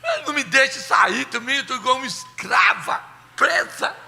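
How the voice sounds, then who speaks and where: A man's voice: very high voice, wildly swooping pitch, moderate pace, creaky, music in the background, pitched above the performer's own voice, full character voice. A man with a Brazilian accent voicing a crying teenage girl who complains dramatically. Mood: weepy. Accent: Brazilian Portuguese. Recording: long reverb of a church hall.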